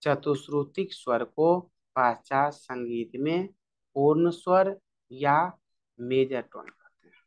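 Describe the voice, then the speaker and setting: Man teaching music theory, slow and repetitive, slightly high voice, drill-style recap. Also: highs cut off. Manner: slow, repeats key terms drill-style with frequent "theek hai". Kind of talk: exam-prep music lesson.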